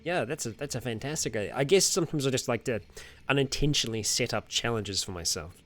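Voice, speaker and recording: A man with a medium-pitched, animated, fast voice hosts a casual livestream, answering viewer comments. He rambles a bit, using fillers, correcting himself and laughing often.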